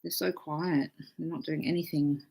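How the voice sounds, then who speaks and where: A woman's voice: sits low, fairly even intonation, moderate pace, gravelly, warm tone, slightly rough. A woman astrologer hosting a casual live stream, chatting freely, swearing often and reading out viewer comments.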